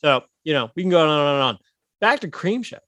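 A man's voice: fairly high pitch, lively intonation, quick pace, a bit bright, no echo, clean studio sound. A man co-hosting a casual podcast, telling stories loosely and swearing freely. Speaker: podcast co-host and improv comedian.

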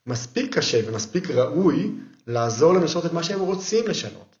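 Appearing as a podcast guest, a man offers parenting advice through vivid, emphatic anecdotes. He tells them animatedly, his pitch swinging lively up and down. The recording sounds reverberant and muffled.

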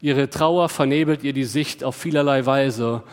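A man's voice: medium pitch, normal speed. Man preaching a sermon in a reverberant hall. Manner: shifts between soaring emphatic questions and hushed tender address.

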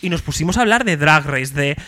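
A young man, animatedly telling a story on a casual podcast chat. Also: brisk. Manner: animated, acts out quotes with big jumps in pitch. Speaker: podcast co-host.

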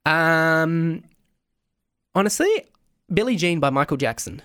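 A man co-hosting a radio show in casual chat, often halting and searching for words. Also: on the high side, pushed and bright, clean tone. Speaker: radio co-host.

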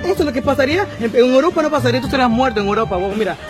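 A high, rapid-fire angry young man, played by a man in a comedy sketch, ranting and cursing. His voice sits very high and races along. The sketch plays over a radio broadcast with loud music behind. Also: animated.

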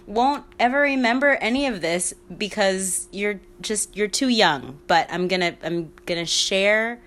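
Speaking in a mid-range, slightly bright voice, a woman in her thirties runs a casual solo podcast. She meanders candidly, swears freely and laughs often.

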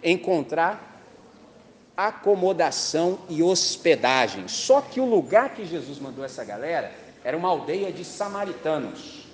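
Brazilian preacher guy, super animated, slangy, kinda high voice, echoey hall. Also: measured pace. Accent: Brazilian Portuguese. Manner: lively, slangy, rhetorical questions. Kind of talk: sermon.

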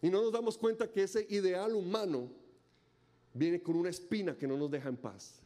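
A man delivers a sermon. His voice sits high yet sounds mellow and warm. He preaches dramatically, acting out voices and hammering rhetorical questions. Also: normal speed. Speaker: pastor.

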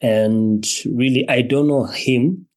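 A man from Zimbabwe, a podcast guest telling his personal story in a halting way, repeating words and laughing between phrases. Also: mid-range voice, fairly even intonation, a little mellow.

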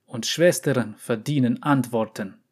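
A man reading an audiobook story, voicing a taciturn female tracker who speaks flatly. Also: medium pitch, unhurried, husky. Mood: solemn. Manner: flat, few words.

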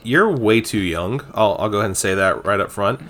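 A man with a low voice recapping film scenes in a casual podcast chat. His humor is dry and wry, and he jokes his way through the plot. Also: expressive, fairly quick, a bit bright. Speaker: podcast co-host. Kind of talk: casual movie-review chat.

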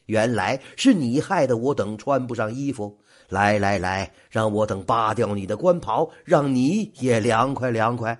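A man's voice: mid-range voice, a little slow, close to an everyday voice. A man voicing a crowd of indignant gods and arhats in a dream.

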